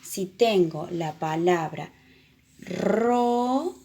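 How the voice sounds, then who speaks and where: A woman teaching children the sounds of a letter, explaining patiently and repeating example words slowly. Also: medium pitch, sing-song, warm tone. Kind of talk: children's reading lesson.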